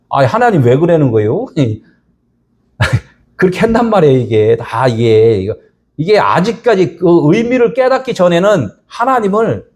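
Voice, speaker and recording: A middle-aged man preaching a sermon as a pastor, in a conversational, animated way. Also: medium pitch, husky. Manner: animated, conversational preaching that acts out quoted people.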